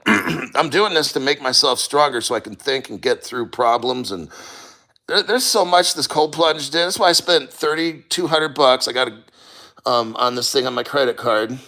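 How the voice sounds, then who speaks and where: Man, sharp bright delivery, immersed in ice cold water. Off-the-cuff vlog host, blunt and sweary. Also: medium pitch, vocal fry. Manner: blunt, profane, rambling. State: sitting neck-deep in ice cold water. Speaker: crypto podcast host. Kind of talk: casual talk to camera.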